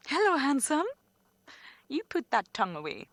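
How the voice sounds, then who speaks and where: A woman whispering hushed live wildlife commentary as a safari guide, outdoors in a vehicle. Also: sits high, huge pitch swings, normal speed, no echo. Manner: hushed whispering while watching an animal close by. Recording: faint outdoor background noise.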